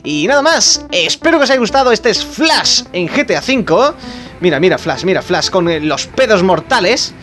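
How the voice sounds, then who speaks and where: A young man with a Spain Spanish accent commentates a video game, his pitch jumping all over as he gets excited. He talks over faint background music. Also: moderate pace. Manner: excitable, laughing, animated. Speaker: gaming YouTuber.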